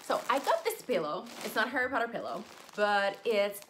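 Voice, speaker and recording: Fairly quick and mid-range, the voice belongs to a twenty-something Puerto Rican collector vlogger whose first language is Spanish. She chats animatedly about her haul in a room full of collectibles, squealing and laughing a lot, on a rough recording with slight background noise from a camera at desk distance.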